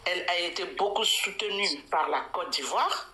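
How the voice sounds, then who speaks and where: A woman's voice: on the low side, moderate pace, pushed and bright. A woman from Congo-Brazzaville, calling into a live chat as an activist, speaking emphatically with many restarts. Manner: emphatic, repetitive, hesitant restarts. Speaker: caller, activist.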